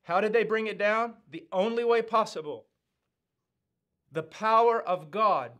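A man in his fifties with an American accent, preaching a sermon in a slow, earnest, emphatic way with weighty pauses, seated in a studio. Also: sits high, a bit bright. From United States. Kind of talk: sermon teaching. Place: studio with dark backdrop, indoors.

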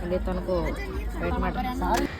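A woman's voice: lowish voice, measured pace. Chatty North Karnataka woman at a busy fair. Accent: North Karnataka Kannada. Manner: chatty, keeps pointing things out to the viewers. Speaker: vlogger. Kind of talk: casual vlog commentary to viewers. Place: crowded outdoor village fair. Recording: busy outdoor crowd noise behind.

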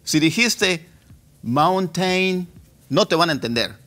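A man teaching English pronunciation, repeating example words slowly as drills. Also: mid-range voice, fairly bright tone, faint music behind. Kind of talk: pronunciation lesson.

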